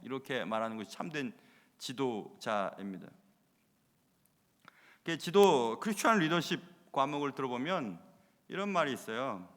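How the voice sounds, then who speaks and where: A man preaching a sermon as pastor at live worship, acting out quoted lines with loud bursts and mixing in short English phrases. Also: mid-range voice, big pitch swings, normal speed, long pauses. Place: church sanctuary during live worship. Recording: long hall reverb from church sanctuary.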